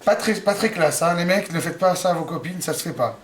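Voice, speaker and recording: A man from Morocco, a rabbi giving a lively, joking religious lesson, recorded in a roomy space from a distance. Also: on the high side, a little fast. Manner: lively, joking, talks to the audience.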